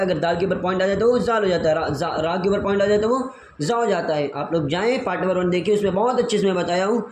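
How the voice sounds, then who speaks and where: A man teaching Quran reading, spelling out letters in a slow, patient, repetitive lesson. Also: high-pitched. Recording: echoey room with faint hiss.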